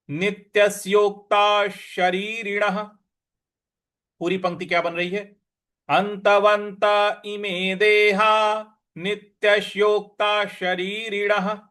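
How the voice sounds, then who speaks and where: A man teaching how to recite a scripture verse, chanting it slowly and explaining each sound. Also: high voice, a bit bright. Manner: slow, drawn-out chanting of verses between quick explanations. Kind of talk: recitation lesson with slow chanting.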